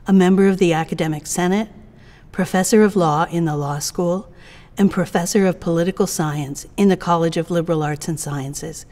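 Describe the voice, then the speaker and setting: Woman, low voice, formal introductions, podium, lingering reverb. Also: darkish tone. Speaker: provost introducing speakers. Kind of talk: ceremonial introductions. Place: indoor room with flags, at a podium.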